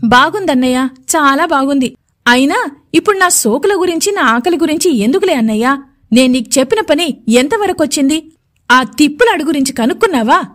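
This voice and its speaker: A woman's voice: high voice, big pitch swings, normal speed. A woman voicing a stubborn, agitated young woman who taunts and complains in a raised voice. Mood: resentful.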